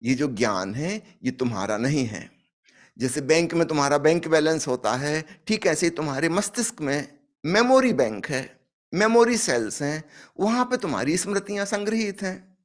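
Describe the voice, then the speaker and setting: A man's voice: a little high, big pitch swings, normal speed. A man giving a spiritual discourse, telling a parable and acting out its dialogue with emphatic rises. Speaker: spiritual speaker.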